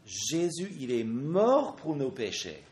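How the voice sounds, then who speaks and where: A man preaching a sermon in French, pausing often for an interpreter and asking rhetorical questions. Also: mid-range voice, big pitch swings, a little mellow, roomy sound.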